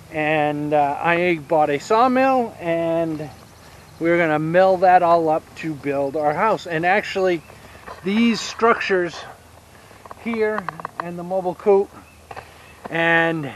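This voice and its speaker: A Southern man in his fifties gives a casual walking tour of his farm, holding an action camera at arm's length outdoors on rural land beside a pine forest. He talks slowly and easily, explaining things step by step with pauses and fillers, his voice fairly high-pitched. The audio is poor, with a little hiss or hum.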